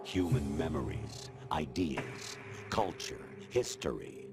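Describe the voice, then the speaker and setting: Very deep, cold machine intelligence. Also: male voice, animated, exaggerated voice. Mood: cold, lecturing. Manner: measured, authoritative, matter-of-fact lecturing. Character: formless male artificial intelligence posing as colonel, coldly lecturing. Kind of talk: video game cutscene acting. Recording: loud music behind game dialogue. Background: loud music.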